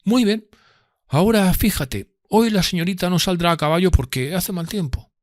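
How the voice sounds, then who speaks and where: Brief: haughty, mocking young gentleman rival in a storybook reading, pitched up high and drawling disdain, as a male narrator puts him on. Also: moderate pace, dry recording, studio quality, natural voice. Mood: disdainful. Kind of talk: audiobook character voice.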